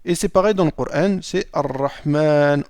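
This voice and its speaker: Male teacher, slightly high voice, dry close mic, patient lesson delivery. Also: expressive, a little slow, a little mellow, no room sound. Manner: checks in with "d'accord?" often. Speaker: Arabic teacher. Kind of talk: explaining a lesson.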